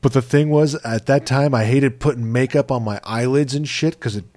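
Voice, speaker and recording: A man's voice: medium pitch, normal speed, a little mellow, dry recording. A man co-hosting a podcast in casual banter, joking crudely and swearing often. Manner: crude, profane joking with frequent laughs. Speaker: podcast co-host.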